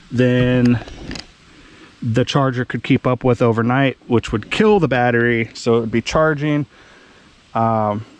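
A man hosting a do-it-yourself video outdoors in a wooded yard, explaining his project in a plain conversational way with fillers, recorded on a body-worn camera. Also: mid-range voice. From Ohio. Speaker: DIY outdoors channel host. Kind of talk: casual how-to explanation.

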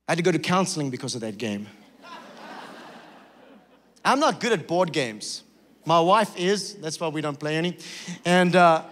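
Animated high-voiced male pastor preaching. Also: big-room sound. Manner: animated storytelling with acted-out voices. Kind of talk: sermon. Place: church sanctuary.

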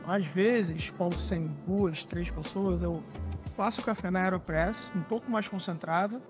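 A Brazilian man in his thirties with a notably high voice walks through his camp coffee kit. He talks in a relaxed, explanatory way, handling the gear as he speaks. He is recorded outdoors in a forest on a lapel mic, with music playing clearly under crickets and insects. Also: a little slow. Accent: Brazilian Portuguese. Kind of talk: casual outdoor demonstration.

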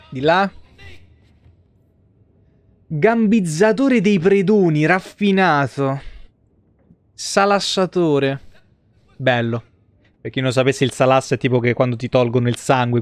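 A thirties-aged man with a slightly high, smooth voice, recorded dry, streams a game from a small room at home. Game music plays as he comments casually, crude and slangy and swearing freely.

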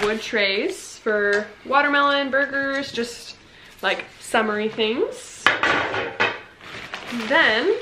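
Holding the camera at arm's length, a young adult woman vlogs casually, starting in her living room and then walking through her house, speaking into the on-camera mic. Her voice is slightly high for a woman, and she's chatty and upbeat, dropping "like" and "um" constantly. The background is noisy.

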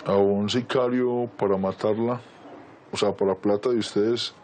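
Anonymous Colombian man, disguised deep voice, dark and mellow tone, blunt interview answers. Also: steady tone, moderate pace, a little hiss or hum. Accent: Colombian Spanish. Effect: voice electronically disguised, pitched deep.

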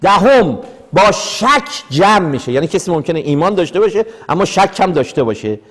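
Man giving an animated religious lecture. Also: sits high. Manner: animated storytelling with rhetorical questions. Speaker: teacher of mystical texts. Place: lecture hall in Vancouver.

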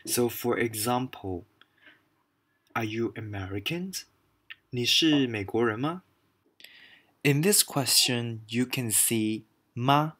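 Male teacher from Malaysia, very slow and deliberate delivery, patient repetition for beginners. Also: medium pitch, fairly bright tone. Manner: slow, careful, repeats each word for learners. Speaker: language teacher. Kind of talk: slow beginner language lesson.

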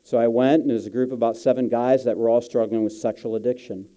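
A man's voice: mid-range voice, steady tone, fast talker, warm tone. A male guest pastor giving a sermon, telling personal stories in a casual, slangy way.

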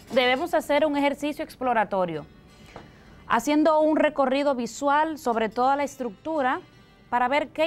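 On a televised language lesson, a high-voiced woman teacher with a Dominican accent explains the material step by step in a slow, deliberate manner.

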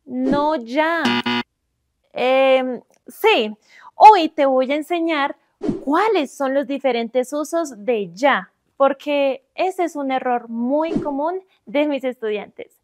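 A young Colombian woman teaching Spanish grammar, giving examples slowly and clearly in Spanish and English. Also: high voice, a little mellow, no room sound, soft background music. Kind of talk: bilingual grammar lesson.

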